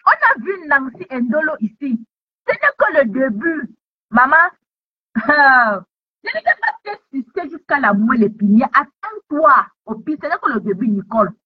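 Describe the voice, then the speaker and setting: Scolding woman with a lively high voice. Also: moderate pace. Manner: scolding, repeats taunting questions. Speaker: online commentator. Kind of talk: heated social media commentary. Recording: dull lo-fi sound.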